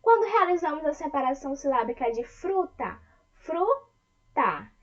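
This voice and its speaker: A woman teaching an online lesson to young children, speaking with a Brazilian Portuguese accent. She talks slowly and breaks words into syllables, often asking the class questions. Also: high voice, very animated, dull audio. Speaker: primary school teacher.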